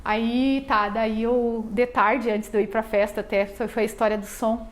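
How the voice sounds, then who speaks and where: A nervous woman with a gaúcha accent from southern Brazil gives a heartfelt church testimony. Her voice sits fairly high, and she rambles with many fillers and self-corrections. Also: steady tone, moderate pace. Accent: southern Brazilian, Rio Grande do Sul. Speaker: church member giving testimony. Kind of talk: emotional personal church testimony.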